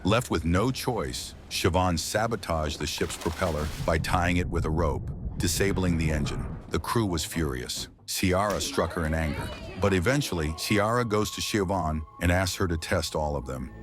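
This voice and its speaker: A man narrating a movie recap in a steady, even summarizing tone. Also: low-pitched, normal speed, background noise. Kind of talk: scripted narration.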